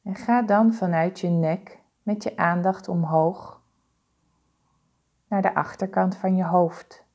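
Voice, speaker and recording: Slow calm woman doing a body scan meditation, lowish soft-edged mellow voice, lots of pauses. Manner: slow, calm, soothing, deliberate instructions with pauses. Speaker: guided meditation instructor.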